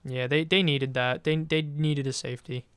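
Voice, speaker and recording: A man's voice: fairly high pitch, fairly even intonation, normal speed, fairly bright tone, clean tone, no room sound. A man co-hosting a casual sports podcast, mostly agreeing and adding short comments. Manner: agreeable, chimes in with short replies. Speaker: podcast co-host. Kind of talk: casual sports draft chat.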